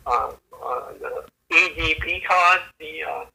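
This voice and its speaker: Bright, forceful older man on the telephone. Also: fairly high pitch, slow pace, creaky. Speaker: father calling his family. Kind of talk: casual phone conversation. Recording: voice over a telephone line.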